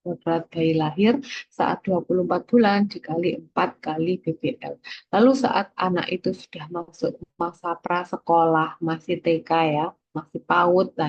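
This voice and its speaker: A woman's voice: on the low side, husky, no echo, dull audio. A woman giving a recorded lecture, explaining step by step and checking in with her listeners.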